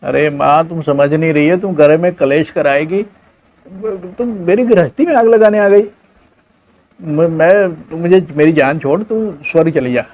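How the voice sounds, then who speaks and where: A man voicing a selfish, impatient grown son who talks in loud, pleading excuses. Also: on the high side, measured pace, long pauses, natural voice.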